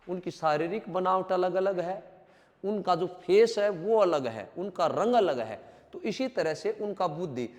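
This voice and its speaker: A man with a high voice teaches a coaching class, going over each term more than once and speaking straight to his students. His voice carries a long reverb, as from a hall or large classroom. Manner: explains by repeating and restating terms, addresses students directly. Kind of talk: coaching lecture.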